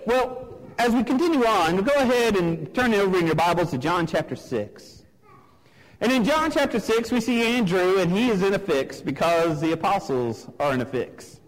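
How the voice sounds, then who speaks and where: A man's voice: high-pitched, in a large hall, poor audio. A man preaching a sermon to his congregation in an emphatic, repetitive cadence. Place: church sanctuary.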